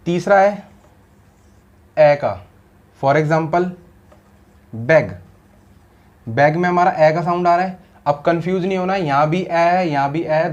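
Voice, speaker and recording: A man's voice: a little high, a little mellow, dull audio. A man teaching shorthand in a classroom style, explaining step by step and asking rhetorical questions, mixing Hindi with English terms.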